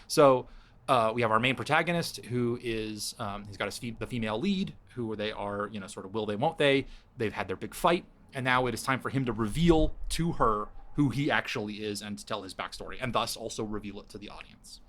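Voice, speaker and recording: A man hosting a podcast, pitching story ideas in casual chat to his co-hosts, thinking aloud with frequent restarts. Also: a little fast, fairly bright tone.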